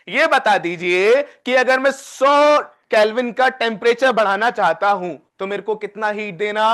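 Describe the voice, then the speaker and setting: High-voiced Indian man teaching a class. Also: a bit bright. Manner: coaxing, quizzes students with quick questions; dictates questions slowly, word by word. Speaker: physics teacher. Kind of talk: live classroom lecture.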